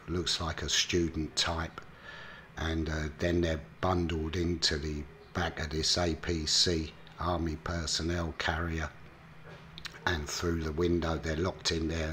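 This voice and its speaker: A man casually retelling a film's plot, relaxed and rambling with frequent fillers. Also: rumbling low, slight background noise. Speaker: film reviewer. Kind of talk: casual film recap storytelling.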